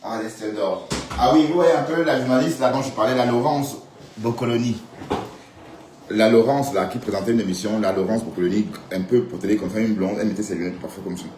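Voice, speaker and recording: Low-voiced man rambling on a live stream. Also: brisk, a little mellow, reverberant, a little hiss or hum. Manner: rambling, addresses viewers directly with frequent "hein" and "d'accord". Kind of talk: casual live-stream commentary.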